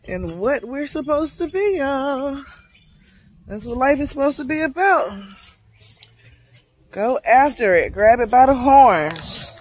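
A vlogger from Charlotte, North Carolina, in her late thirties, walks a wooded trail outdoors and films a casual monologue on a phone held at arm's length. She's chatty, reflective and motivational, addresses viewers as "y'all," and her voice sits on the high side.

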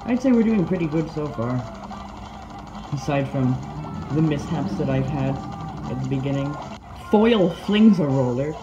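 Woman, low voice, gameplay commentator, playful and self-mocking, excited yelps; slightly dull recording. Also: unhurried, pauses often, over music.

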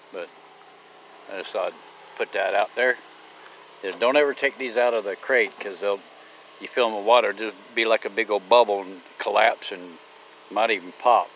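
A homesteading vlogger films his land outdoors on a handheld phone, narrating in a relaxed, drawling, rambling way full of fillers. His voice is on the low side, and the recording carries a faint hiss or hum.

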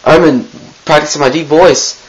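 A teenage boy with a slightly high voice, fairly even intonation and a moderate pace records a goofy, rambling birthday message on a webcam held close to his face in his small bedroom. He vlogs, interrupts himself often, and the recording sounds rough.

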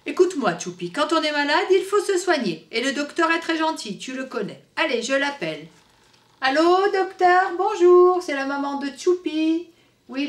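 Woman doing a gentle caring storybook mother. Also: sits high, voice pushed up. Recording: roomy echo, mic far off.

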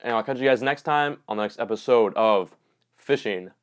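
Young man, fishing channel host, casual gear review, enthusiastic, slangy, home studio room. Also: medium pitch. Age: young adult. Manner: enthusiastic, slangy, quick asides.

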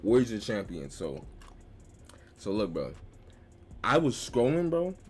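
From a small bedroom with a gaming chair, a young man hosts a casual reaction video, talking in loose slang and laughing often. His voice is fairly low, a little mellow, with a breathy edge. He is very animated but keeps a measured pace.

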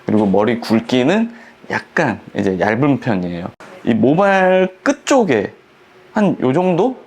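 Lively-voiced man explaining a perm technique. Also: medium pitch, unhurried. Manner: explanatory, frequent filler "이제" and "어". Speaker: hair salon director. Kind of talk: instructional demonstration.

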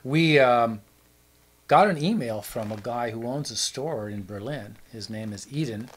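A man's voice: mid-range voice, lively intonation, measured pace, slightly rough, low-quality recording. Easygoing man co-hosting a chat show. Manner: rambling, easygoing, joking. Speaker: show co-host. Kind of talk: casual chat.

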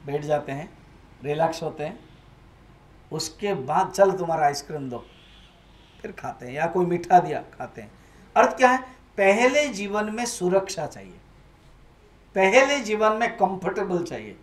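High and sing-song, a man's voice moves at a measured pace with frequent pauses in an echoey room of a private home. He is a swami giving a spiritual discourse in Hindi mixed with English to a home gathering. Listeners are asked questions and prompted to repeat after him.

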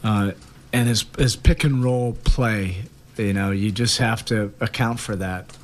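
A head coach in his forties answers press conference questions thoughtfully, with many fillers and repeated words. He speaks into a table mic in a press room before a sponsor backdrop, his lowish voice fairly even and measured, with slight background noise.

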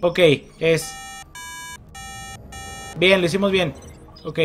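A man with a Mexican accent commentating a video game he is playing. He is excitable, talks to the characters, and yells and groans when he fails. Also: high-pitched, takes it slowly, soft background music. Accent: Mexican Spanish. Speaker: gameplay commentator. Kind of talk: let's play commentary.

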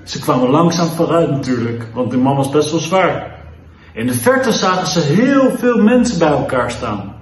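Children's church leader, man, high voice, lively storyteller, echoey room. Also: moderate pace. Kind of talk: Bible story reading and kids' lesson.

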